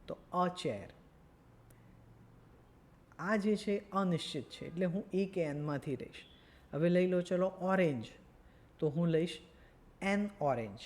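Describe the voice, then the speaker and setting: A male English teacher with a Gujarati accent leads a beginner grammar lesson, patiently repeating words and checking that students understand. His voice is a little high, with a darkish tone.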